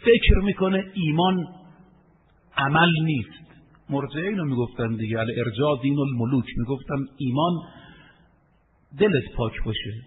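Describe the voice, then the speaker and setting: A man's voice: medium pitch, pauses often, breathy edge. A man preaching a sermon, asking rhetorical questions, reciting Arabic verses and addressing his listeners fondly. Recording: echoey hall over tinny phone-like line, faint hiss.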